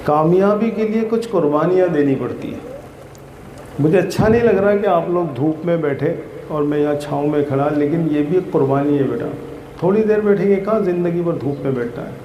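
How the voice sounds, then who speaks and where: A man's voice: a little high, fairly quick, lo-fi sound, slight background noise. A man giving a motivational talk to schoolchildren at an outdoor school gathering, speaking in a fatherly way and quizzing the crowd. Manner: fatherly, calls listeners "beta", quizzes the crowd. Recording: roomy echo.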